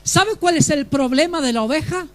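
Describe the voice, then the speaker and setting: A man delivers a sermon as a pastor, with a voice pitched unusually high for a man. He preaches with emphasis and keeps turning to the congregation with questions. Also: normal speed.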